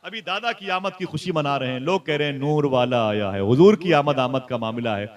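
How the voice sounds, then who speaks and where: A man preaching a fiery religious sermon who tells a story dramatically, swinging from soft asides to loud, high exclaims and questioning his listeners directly. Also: expressive, fairly quick.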